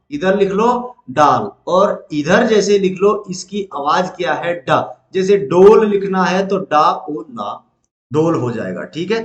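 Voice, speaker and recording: A man's voice: high voice, echoey room. A man teaching a class, patiently repeating each point and quizzing his students. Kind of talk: classroom lesson.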